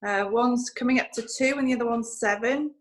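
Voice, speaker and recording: A woman's voice: on the high side, fairly quick. A woman, speaking as an interview guest with many hesitations. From North Wales. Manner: hesitant, many ums and restarts. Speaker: guest physiotherapist. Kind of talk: conversational interview.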